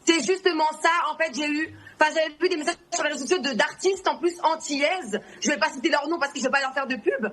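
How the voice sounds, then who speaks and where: Blunt high-voiced young woman guest. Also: quick pace, few pauses. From Guadeloupe and Morocco. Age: 20s. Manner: blunt, outspoken. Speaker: reality TV personality, guest.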